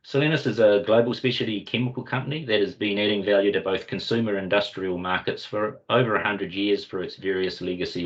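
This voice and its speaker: A man with a New Zealand Kiwi accent hosting a webinar, giving a formal, measured corporate introduction. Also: low-pitched, fairly bright tone. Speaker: webinar host and company commercial lead. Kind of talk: semi-scripted corporate presentation introduction. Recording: dull, lo-fi online meeting audio.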